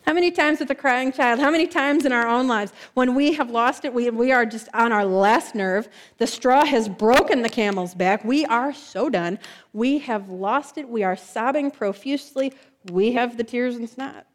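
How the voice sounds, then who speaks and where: A woman preacher giving a sermon, telling the story in a lively, conversational way and acting out the quoted lines. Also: a little high, moderate pace. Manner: conversational, warm asides to the congregation.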